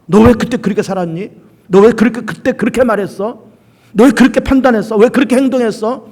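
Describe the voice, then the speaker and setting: A man's voice: extremely high pitch, fast, a little mellow. A man voicing God as a judge who questions a believer about his life, asking the same pointed questions again and again. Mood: rebuking. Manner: repeated probing questions.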